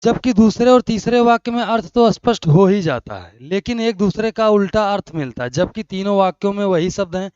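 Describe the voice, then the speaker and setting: A man's voice: high voice, animated, brisk, hardly any pauses, a little mellow, clean tone, no room sound. A man teaching a grammar lesson online, explaining step by step and asking questions that he answers himself. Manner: frequent checks of "right?" with listeners. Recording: dry, dull lo-fi sound.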